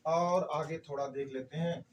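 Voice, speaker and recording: Male chemistry teacher, high voice, coaxing Q&A classroom style, slightly off-mic with faint room noise. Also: steady tone, a little slow, far from the mic, lo-fi sound. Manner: questions the class and answers himself, coaxing. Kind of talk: classroom lecture.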